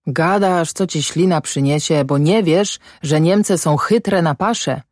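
A woman's voice: sits low, measured pace, a little mellow, dry recording, studio quality. A woman voicing a worried, downcast peasant farmer husband in an audiobook, grumbling gloomily. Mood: gloomy. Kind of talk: audiobook character voice.

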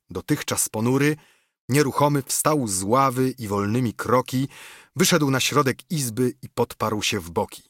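A man narrating an epic poem in a measured, dramatic audiobook reading. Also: mid-range voice, a bit bright, slightly rough, dry recording, studio quality.

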